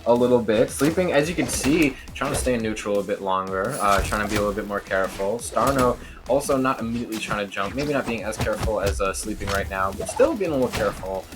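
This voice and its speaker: A man's voice: on the low side, expressive, fast talker, hardly any pauses. A man giving live play-by-play as a fighting game announcer, repeating words as he searches for the next phrase. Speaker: esports match commentator. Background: music playing behind the voice.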